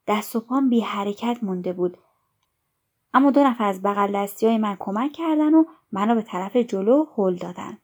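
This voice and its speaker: A woman narrating a novel in the first person, in a calm, steady storytelling manner. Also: medium pitch. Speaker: audiobook narrator.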